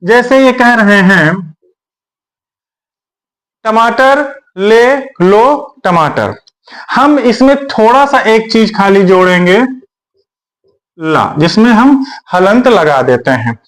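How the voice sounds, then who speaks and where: A male teacher giving an exam-prep grammar lesson, drilling syllables aloud over and over and often clearing his throat. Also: high-pitched, expressive, measured pace, fairly bright tone.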